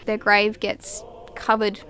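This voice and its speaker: A young woman from Ukraine, a journalist, giving measured, reflective documentary narration. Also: mid-range voice, monotone, heavy background noise. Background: music.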